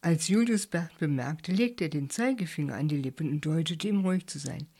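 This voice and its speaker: A woman reading a short story aloud in calm, measured narration. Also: deep voice, breathy edge.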